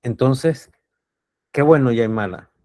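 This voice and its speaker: A man's voice: mid-range voice, takes it slowly, darkish tone. A man from Cuba, giving a reflective spiritual teaching talk as a coach. He speaks earnestly, repeats his key words and asks rhetorical questions.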